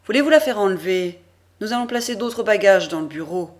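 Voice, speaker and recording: A brusque middle-aged baggage clerk, voiced by a woman reading an audiobook, who rattles off his lines quickly and offhandedly. He is gruff but ends up obliging. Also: mid-range voice, animated, natural voice. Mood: impatient.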